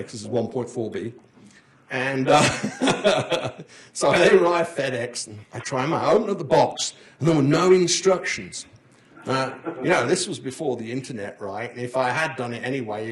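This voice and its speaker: Older man telling stories in an echoey hall. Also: medium pitch. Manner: rambling storyteller who chuckles at his own stories. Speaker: conference presenter. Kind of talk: anecdotal conference lecture. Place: conference hall. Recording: roomy echo of a conference hall.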